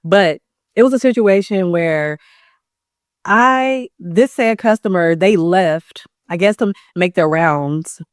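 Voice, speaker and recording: A woman who runs a small business, telling a story in a frank, animated way and acting out what people said. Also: lowish voice, takes it slowly, smooth, no echo, studio quality. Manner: animated, acts out quotes, frank and sassy. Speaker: small business owner and vendor. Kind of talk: casual storytelling vlog.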